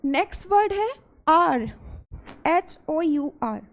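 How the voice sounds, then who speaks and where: A woman with an Indian English accent gives a classroom-style English grammar lesson, mixing Hindi and English. Her voice is high-pitched with lively intonation, and she speaks slowly. She explains step by step and repeats key words.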